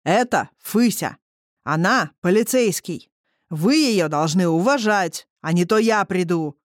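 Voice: medium pitch, animated, no room sound, studio quality, natural voice. A reader voicing drunken demon lord Mangust. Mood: bellowing. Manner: commanding, slurred and slow. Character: drunken boastful male demon lord, progenitor of monsters. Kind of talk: audiobook character reading.

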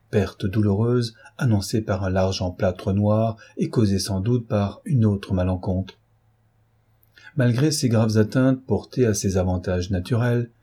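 Low, dark, husky male audiobook narrator. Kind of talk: scripted narration of a classic novel.

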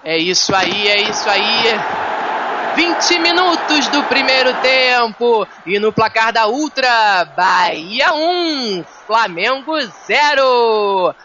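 A woman's voice: on the high side, lively intonation, takes it slowly, crowd noise, background noise. A Brazilian woman calling a football match play by play in live radio commentary. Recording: dull lo-fi radio feed, faint music.

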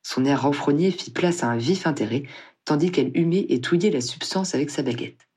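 Audiobook narrator, husky, steady, mid pitch. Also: a little fast.

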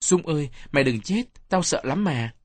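A high, strained voice of a frightened young schoolboy, as a man puts him on for a storybook reading. He pushes his voice up and out, husky and raw at the edges, in a dry close recording. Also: animated, moderate pace, no room sound. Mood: tearful pleading. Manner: tearful then commanding.

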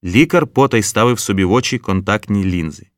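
A man narrating an audiobook in an even storytelling manner. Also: fairly low pitch, brisk, no room sound, studio quality. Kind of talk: scripted narration.

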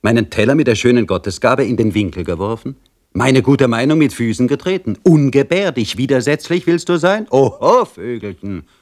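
A man's voice: medium pitch, expressive, moderate pace, a little mellow, pitched above the performer's own voice, close to an everyday voice. A man voicing a harsh, mocking male jailer who taunts a prisoner in a taunting, raised voice.

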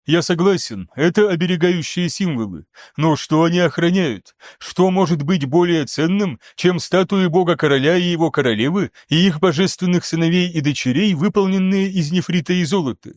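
A man voicing a calm, reserved male expedition leader who speaks quietly and in a measured way. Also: a little high, no room sound, studio quality, lightly acted.

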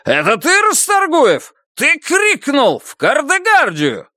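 A man voicing a furious, half-drunk prison major who shrieks orders at convicts in a high, strained voice. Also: wildly swooping pitch, takes it slowly, bright, forceful tone, no room sound, clean studio sound, exaggerated voice. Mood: enraged. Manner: shrill screaming, barking orders.

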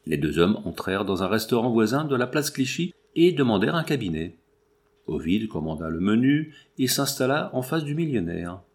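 A man narrating a novel as an audiobook in a steady, measured reading. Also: lowish voice. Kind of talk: scripted narration.

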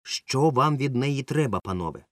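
A man's voice: medium pitch, animated, normal speed, no echo, clean studio sound, voice pushed up, close to an everyday voice. A man voicing a stern, suspicious middle-aged woman yard-sweeper who is secretly a witch, in an audiobook. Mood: stern scolding. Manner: stern, scolding, sharp. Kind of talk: audiobook character voice.

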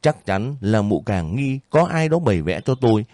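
A man narrating a first-person story for an audiobook channel in a steady, measured way. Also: lowish voice, no echo, studio quality.

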